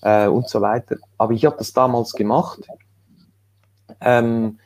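A man, an author telling his story in a relaxed interview, rambling with many fillers and restarts. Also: medium pitch, a little slow, vocal fry. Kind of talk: casual conversational interview.

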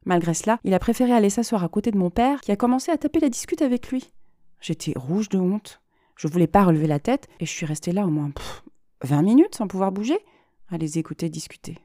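A woman's voice: medium pitch, expressive, fast talker, warm tone, no echo, clean studio sound, lightly acted. A woman reading the part of an anxious, shy young woman who confides her fears hesitantly to a therapist. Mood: anxious confiding. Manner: hesitant, self-doubting confiding.

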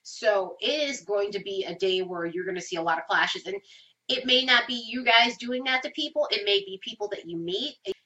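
A woman's voice: mid-range voice, normal speed, pushed and bright, dull audio. A woman giving a casual astrology forecast with a nasal, stuffed-up voice, as if pinching her nose from a cold, explaining things informally. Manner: informal, explains with everyday examples, occasional swearing. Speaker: astrology host.

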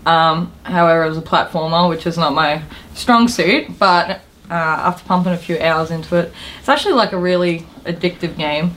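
A woman co-hosting a podcast chats casually about video games, sounding informal and hesitant as her thoughts trail off. Her voice is lowish and a bit bright, at a normal speed, with a little hiss or hum in the recording.

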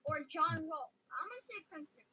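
A woman's voice: very high voice, lively intonation, fairly quick, sharp tone. A young girl co-hosting a casual podcast, chatting and reading quizzes aloud into a laptop mic. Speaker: podcast co-host. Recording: noisy laptop-style mic with clicks.

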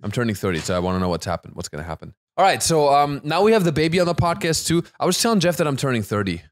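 A man's voice: on the high side, very animated, racing, no echo, clean studio sound. A man, hosting a casual podcast chat in a rambling way and laughing often. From Germany. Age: 20s. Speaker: podcast host.

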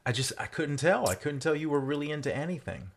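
A man's voice: on the high side, sing-song, quick pace, slight background noise. A young man co-hosting a podcast with his partner, teasing her with dry banter. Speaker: podcast co-host. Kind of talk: casual couple chat.

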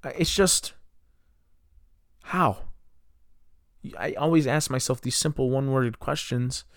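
A man's voice: medium pitch, a little slow, dry recording, studio quality. A man in his twenties hosting a solo podcast, talking with frustration and firing off rhetorical questions. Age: 20s. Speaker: podcast host.

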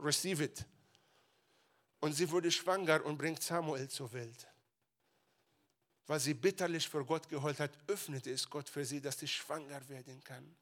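A man preaching a lively sermon in a bright, forceful voice pitched a little high. He moves from near-shouted retellings to quiet, confiding asides. He drops English phrases into his German. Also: normal speed.

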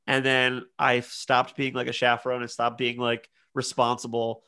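A man's voice: mid-range voice, moderate pace, clear, resonant tone. A man in his thirties, a podcast co-host telling a party story in casual chat and acting out the quotes. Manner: animated storyteller, acts out quotes.

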